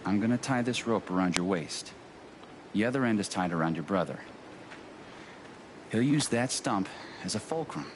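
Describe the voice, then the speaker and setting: An actor playing a calm, encouraging young outdoorsman in a video game, instructing reassuringly in short phrases. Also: fairly low pitch, moderate pace, long pauses, lightly acted. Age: young adult. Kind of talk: video game dramatic acting. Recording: clear ambient noise behind voice.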